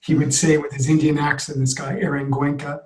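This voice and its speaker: A man speaking in an earnest, expansive way, stacking example on example as a podcast guest. His voice sits a little higher than most men's. A roomy echo hangs around every word. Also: little pitch movement, fairly quick. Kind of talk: reflective conversation.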